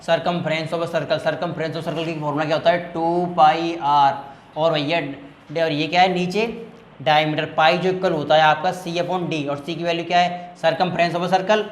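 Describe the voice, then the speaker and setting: Man, maths tutor, fairly high voice, talks students through each step with frequent check-ins, echoey room. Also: little pitch movement, unhurried. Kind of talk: classroom maths lesson.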